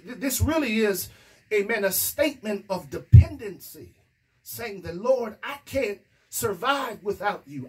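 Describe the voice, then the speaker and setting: A middle-aged pastor with a high, husky voice preaches a sermon into a stand microphone in front of his mouth, building emphasis and adding "amen" along the way. He's in a small indoor room against a plain wall, and the recording is rough.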